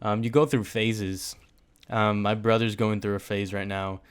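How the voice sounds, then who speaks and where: A young man hosting a casual solo podcast, rambling and joking with animated asides. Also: fairly low pitch, unhurried, smooth. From United States. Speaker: podcast host.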